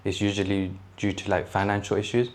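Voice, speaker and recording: A man's voice: on the low side, flat delivery, a little fast, a little hiss or hum. A twenty-three-year-old man, answering thoughtfully and sometimes searching for words. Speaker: interviewee. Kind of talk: casual interview answers.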